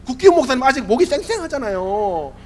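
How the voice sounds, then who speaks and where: A youth pastor in his forties preaches a youth sermon in a church sanctuary, his hoarse, worn voice sitting high and his pitch leaping and dipping everywhere. He talks fast and lively, questioning and repeatedly asking listeners whether they agree, with slight background noise.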